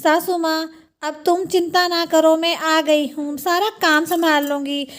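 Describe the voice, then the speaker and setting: A woman's voice: very high voice, little pitch movement, measured pace. A woman voicing a simple, cheerfully blunt village daughter-in-law in a storybook, speaking plainly and earnestly. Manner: plain, earnest, rustic talk. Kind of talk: storybook voice acting.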